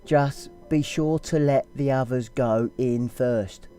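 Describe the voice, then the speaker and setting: Brief: a man playing a coarse young sister writing home, halting put-on accent, soft dark voice over music. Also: medium pitch, close to an everyday voice. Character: working-class young woman writing a letter to her sister, blunt and crude.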